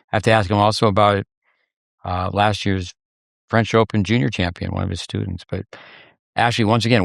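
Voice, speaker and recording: A man hosts a tennis podcast, casually interviewing his guest, joking loosely in a folksy way and stretching his questions out with fillers. His voice is lowish and creaky, and the recording is dry, clean studio sound.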